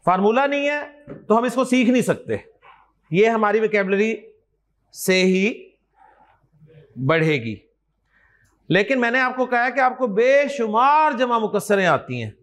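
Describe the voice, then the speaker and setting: Animated, high-voiced male teacher. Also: a little slow, pauses often. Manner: animated call-and-response drilling of word pairs; encouraging, addresses students directly. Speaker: Arabic teacher. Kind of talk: classroom lecture.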